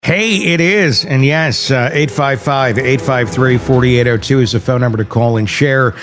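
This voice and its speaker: A man's voice: medium pitch, normal speed, a bit bright, soft background music. A man co-hosting a podcast in casual chat, rambling, restarting his sentences and laughing often. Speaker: podcast co-host.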